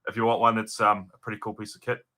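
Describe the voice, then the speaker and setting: Bright, forceful Kiwi man, lowish voice. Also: little pitch movement, fast. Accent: New Zealand. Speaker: racing driver guest. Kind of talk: casual interview chat.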